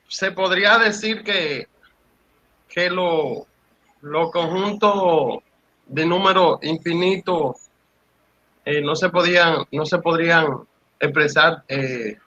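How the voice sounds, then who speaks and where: A male student asking a question slowly and haltingly in an online class, over a dull lo-fi mic. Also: a little high, pushed and bright. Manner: slow, halting. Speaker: graduate student. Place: video call meeting.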